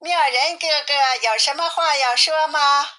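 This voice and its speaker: A woman's voice: a little high, measured pace, pushed and bright. A woman voicing a coy female demon spirit who wants to marry a monk, by turns sweetly coaxing and bossy. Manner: sweet, coaxing, then bossy with her minions. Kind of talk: storytelling.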